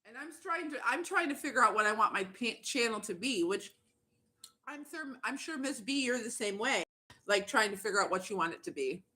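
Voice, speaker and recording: A woman's voice: fairly high pitch, animated, a little fast, bright, forceful tone. A woman livestreaming as a YouTuber, chatting in a blunt, profane, fired-up rant while eating. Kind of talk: casual ranting livestream chat.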